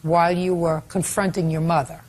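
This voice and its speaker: A woman's voice: on the low side, little pitch movement, fairly quick. A woman presiding as a television judge, firing pointed and sarcastic questions at a witness. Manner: sharp, pointed and sarcastic cross-examining. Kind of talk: courtroom questioning.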